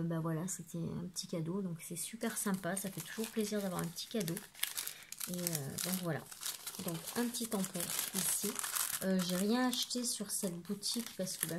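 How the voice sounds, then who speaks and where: A woman's voice: mid-range voice, noisy background. Chatty woman, rambling haul. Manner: chatty, rambling with frequent fillers and "voilà". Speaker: craft vlogger. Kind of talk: casual haul video. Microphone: phone camera.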